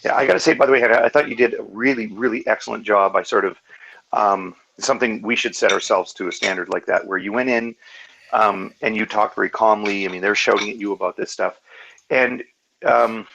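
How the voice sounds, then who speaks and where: Guest in an online chat, man with a low, gravelly voice, earnest and analytical. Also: brisk, sharp tone, highs cut off, a little hiss or hum. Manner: earnest, analytical, full of fillers and restarts. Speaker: hangout guest. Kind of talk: casual video call discussion.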